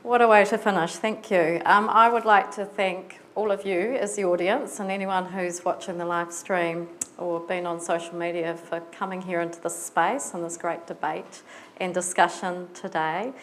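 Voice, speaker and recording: A woman's voice: on the low side, fairly even intonation, normal speed, slight background noise, low-quality recording. A woman moderating a live science panel, wrapping up and thanking the audience. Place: museum event hall with audience.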